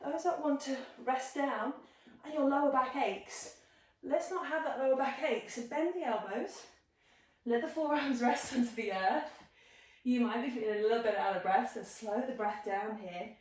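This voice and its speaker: A woman's voice: on the high side, recorded from a distance. A woman leading a yoga class, giving encouraging, chatty instructions while demonstrating the moves herself. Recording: very echoey room, voice from off-mic.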